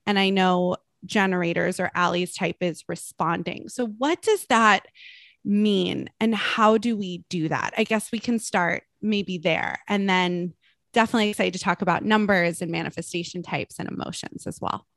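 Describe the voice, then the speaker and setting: Gravelly-voiced enthusiastic woman co-host. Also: lowish voice, normal speed, fairly bright tone, no room sound. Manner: enthusiastic, rambling questions. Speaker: podcast co-host. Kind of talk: casual podcast chat.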